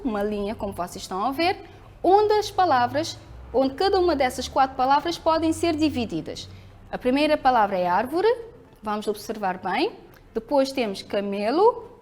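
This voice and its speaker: Woman, European Portuguese accent, high animated voice, patient teacher, faint music underneath. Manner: clear, patient, asks pupils questions and answers them. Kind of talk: televised school lesson.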